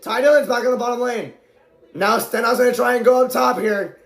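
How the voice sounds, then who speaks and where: An amateur commentator calls a stock car race live, talking excitably and frequently shouting until his voice turns hoarse from the strain. He speaks fairly quickly in a very high-pitched voice, and the recording sounds roomy.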